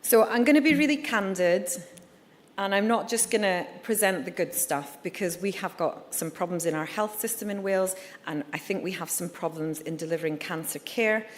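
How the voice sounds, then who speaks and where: Speaking at a normal pace in a lowish voice, a middle-aged woman from Scotland, a surgeon, delivers a frank conference talk full of ums and uhs. The recording echoes with the reverb of the conference hall.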